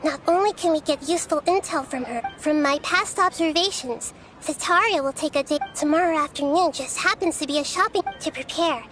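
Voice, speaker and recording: A woman voicing a calm, perceptive young woman in a video game, explaining in a measured way. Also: high-pitched, soft background music. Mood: analytical.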